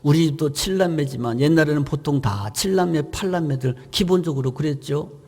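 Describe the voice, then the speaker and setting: A middle-aged male pastor delivers a sermon in a high, gravelly voice. He drives his points home with emphatic rhetorical questions. His voice rings out with the long reverb of a church sanctuary. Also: a little fast, darkish tone.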